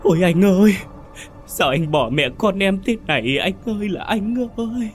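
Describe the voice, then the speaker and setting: A man's voice: sits high, animated, normal speed, soft background music, voice pushed up. A man voicing a grieving young widow who wails and sobs. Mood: wailing grief. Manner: wailing, sobbing cries.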